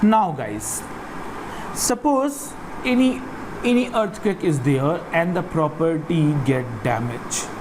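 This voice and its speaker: North Indian man teaching, lively pitch, noisy recording. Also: slow. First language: Hindi. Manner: repeats phrases and poses questions to students. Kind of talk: explanatory online lesson.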